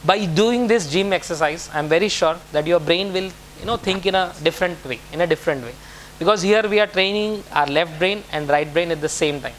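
A man's voice: high voice, fairly quick, fairly bright tone, a little hiss or hum, rough recording. A man in his thirties leading a live talk, coaching a small audience step by step with repetitive, encouraging instructions. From India. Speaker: speaker leading a brain exercise talk. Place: small indoor room with whiteboard and banner.

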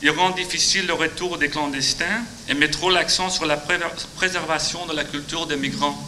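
A man in his thirties with a Flemish accent, giving a prepared conference talk in halting, non-native French with grammar slips. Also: on the high side, steady tone, pushed and bright. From Flemish Belgium. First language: Dutch (Flemish). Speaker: conference speaker, legal adviser. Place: large conference auditorium. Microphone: podium microphone. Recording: faint noise in auditorium.

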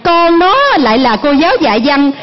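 A woman playing a chattering, quick-witted farmer's wife. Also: high voice, lively intonation. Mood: bickering. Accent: Southern Vietnamese. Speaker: stage actress. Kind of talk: stage comedy skit. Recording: muffled recording with music behind.

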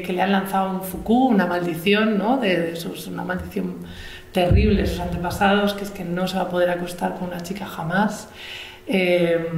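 Speaking at a fairly low pitch, a woman moderates a literary conversation onstage in a large auditorium, hesitating often and beginning sentences over. The recording, made on a table mic, carries hall echo and slight noise.

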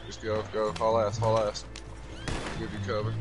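A man's voice: lowish voice, completely flat delivery, moderate pace, music in the background. A man bantering casually during a game, joking and slangy with some mild swearing. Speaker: gamer on a livestream.

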